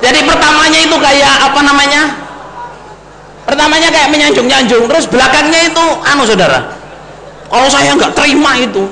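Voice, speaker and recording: A man's voice: very high voice, brisk, sharp tone. A middle-aged man, preaching a storytelling sermon to his congregation and calling them brothers and sisters. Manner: addresses the congregation as brothers and sisters, mixes in Javanese. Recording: long hall reverb, faint noise.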